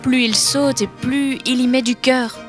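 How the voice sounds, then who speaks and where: A woman reading a children's storybook aloud, softly and expressively. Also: high voice, steady tone, measured pace, faint music behind.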